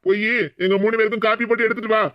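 Brief: man doing a gruff cartoon husband, southern Tamil Nadu accent, high for a man, dull dry sound. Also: little pitch movement, very fast, no room sound, natural voice. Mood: commanding. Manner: gruff, commanding. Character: bossy older husband and father-in-law turned stern. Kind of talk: cartoon voice acting.

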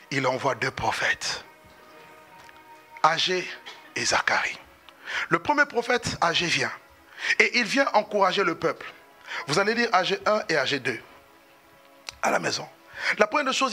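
A middle-aged male pastor preaching a sermon in a church, fervent and breaking into shouts. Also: sits high.

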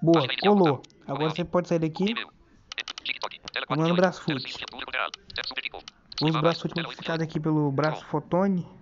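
Brazilian guy, kinda high voice, chatty informal phone tutorial, dull lofi sound. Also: normal speed, long pauses. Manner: chatty, informal, talking to viewers as pals. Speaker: tutorial host. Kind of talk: casual phone screen-recording tutorial. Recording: dull lo-fi phone screen-recording audio.

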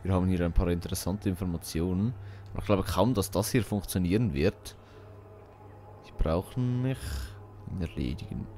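Male let's player, lowish voice, casual commentary, colloquial, thinking aloud, faint game ambience behind. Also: fairly even intonation, quick pace, warm tone, slight background noise. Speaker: let's play host.

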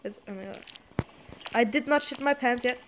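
A jumpy, foul-mouthed woman narrates her horror game run out loud, laughing and cursing at every scare. Her voice sits a little high, and the recording carries a steady hiss of noise behind her. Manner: swears a lot, talks to her chat, jumpy and quick to laugh. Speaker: gamer streaming a horror game. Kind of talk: casual gameplay commentary.

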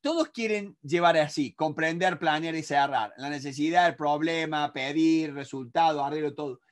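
Male negotiation instructor with a Rioplatense accent, raised pitch, direct and emphatic lecture delivery. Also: normal speed. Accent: Rioplatense Spanish. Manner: emphatic and repetitive, addresses the audience directly; acts out others in quoted asides. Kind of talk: recorded masterclass lecture.

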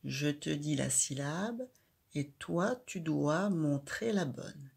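A woman teaching a child to read, speaking slowly and clearly and saying each syllable loudly. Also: low voice, expressive. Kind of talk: children's reading lesson.

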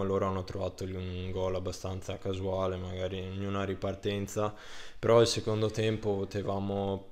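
Speaking into an interviewer's handheld microphone, a young male footballer in his 20s responds after the game in a low, monotone voice. He hesitates often, with many fillers and restarts, in an indoor room with a ribbed ceiling.

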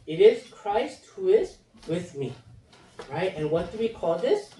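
A man's voice: high voice, big pitch swings, unhurried, dark tone, slight background noise. A man in his thirties, an assistant pastor, preaching to young people in front of a chalkboard, speaking into a handheld microphone and acting out children's moods with playful voices. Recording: roomy echo, mic heard from a distance.

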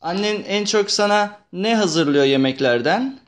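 A young man gently and patiently questioning his little daughter in a casual, playful chat. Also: high-pitched, lively intonation, unhurried.

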